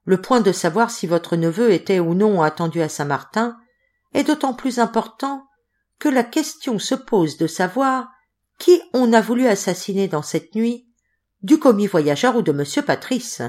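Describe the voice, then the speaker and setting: A woman reading an audiobook, voicing a shrewd male examining magistrate who speaks in a measured, authoritative way. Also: mid-range voice, animated, darkish tone, natural voice. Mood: grave.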